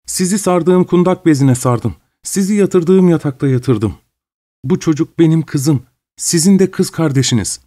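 A man's voice: medium pitch, normal speed, dark tone, lightly acted. A man voicing an older, pious mother who speaks with tearful sorrow in a read-aloud story.

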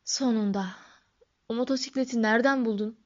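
Dumbledore, a woman voicing a calm old wizard. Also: fairly high pitch, lightly acted. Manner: quiet, measured, gentle. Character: calm, wise old male wizard headmaster. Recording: dull lo-fi recording.

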